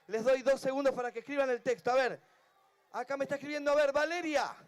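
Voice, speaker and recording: A man's voice: very high-pitched, fast. A man with an Argentine Spanish accent, a children's entertainer chatting playfully with a crowd at an outdoor event. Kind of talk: live stage banter with a crowd.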